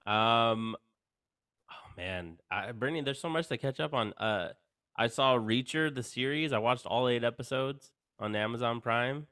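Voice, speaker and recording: A man's voice: medium pitch, a little slow, sharp tone, clean tone, no room sound, studio quality. A man co-hosting a podcast, chatting casually about TV series in an easygoing way, often restarting his sentences. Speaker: podcast co-host. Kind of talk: casual chat about films and TV.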